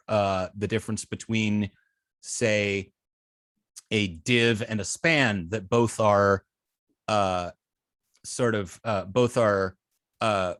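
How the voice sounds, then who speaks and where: A web design instructor teaches informally, his explanations halting and hesitant, full of filled pauses and false starts. His voice is fairly low yet bright in tone, recorded at studio quality with no echo.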